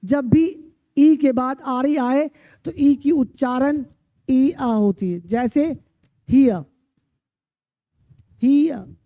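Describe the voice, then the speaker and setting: A woman's voice: high voice, takes it slowly, no echo. A woman teaching English pronunciation in a lesson, drilling word lists and asking and answering her own questions. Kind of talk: classroom-style lesson. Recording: dry, dull lo-fi sound.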